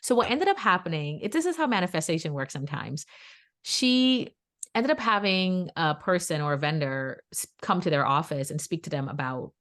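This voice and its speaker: A woman co-hosting a podcast, telling a personal story in casual chat and acting out what others said. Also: normal speed. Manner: animated, acts out quoted dialogue in pitched-up voices; chatty and emphatic, addresses listeners as "guys". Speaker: podcast co-host.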